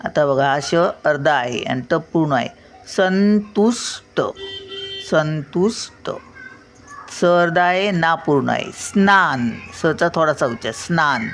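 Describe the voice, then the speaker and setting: An older woman with a Marathi accent, teaching children to read and say each word slowly and carefully, repeating every word. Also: sits low, faint music behind. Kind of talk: reading lesson for children.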